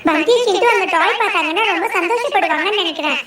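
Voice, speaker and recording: A woman's voice: very high voice, fast talker, roomy sound, far from the mic. A woman voicing bossy, scolding young girls in a cartoon, talking in a telling-off, know-it-all way. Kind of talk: cartoon dubbing.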